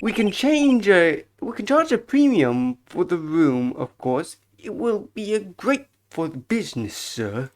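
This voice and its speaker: A woman's voice: fairly low pitch, big pitch swings, measured pace, hardly any pauses, a little mellow, voice pushed up. A woman voicing a fawning young male hotel bellboy who talks in an obsequious, overly polite way. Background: game music.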